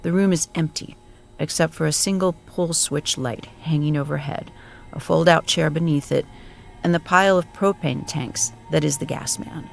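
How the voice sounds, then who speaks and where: At normal speed, a solemn mid-range narrator delivers a comic audio drama as though it were an epic. The performance is scripted and dramatic, with music clearly audible underneath.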